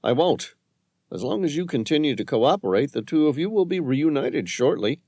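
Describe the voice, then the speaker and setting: A man's voice: a little high, animated, moderate pace, warm tone, dry recording, voice pushed up. A man voicing a cold, calculating male handler in an audiobook, speaking in a cool, clipped, businesslike way. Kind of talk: audiobook narration.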